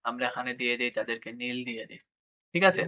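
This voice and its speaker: A man's voice: medium pitch, quick pace, no room sound. Man teaching children maths at a board. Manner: asks questions and answers them himself, with frequent check-ins. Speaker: math teacher. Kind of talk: classroom lesson for children. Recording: dry, dull lo-fi sound.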